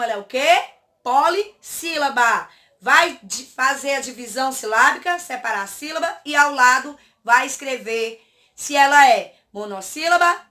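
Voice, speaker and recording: A woman who teaches to children, going through a worksheet slowly and deliberately and checking often that the class remembers. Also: high voice, pushed and bright. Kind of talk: worksheet lesson.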